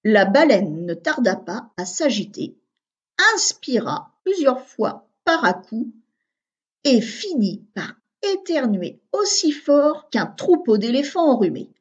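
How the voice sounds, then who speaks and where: Husky woman reading a children's story. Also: fairly high pitch. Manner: expressive, animated reading. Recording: dull lo-fi recording.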